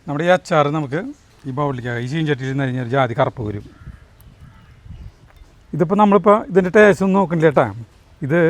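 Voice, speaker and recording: Fast-talking man giving cooking steps. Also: on the high side, slight background noise. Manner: brisk, repeats instructions. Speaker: vlog host cooking fish pickle. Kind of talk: casual cooking instructions. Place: home kitchen.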